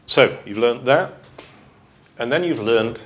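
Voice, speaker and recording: In an expressive mid-range voice, a man with a British accent lectures at a university and fields audience questions in a chatty way. He takes it slowly, thinking out loud and restarting often.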